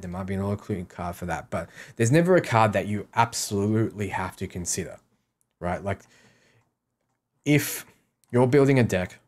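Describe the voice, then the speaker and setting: On a casual livestream, a man reads viewer questions out loud while he plays and answers them offhand. His voice is on the low side and a little mellow, and his short replies get repeated.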